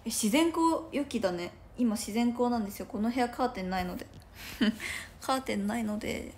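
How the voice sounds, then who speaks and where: A young woman chats casually on a home livestream. Her voice sits a little high, and she rambles with plenty of fillers and giggles between thoughts. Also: expressive, moderate pace, a little mellow, slight background noise. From Japan. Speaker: idol livestreamer. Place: room at home with no curtains.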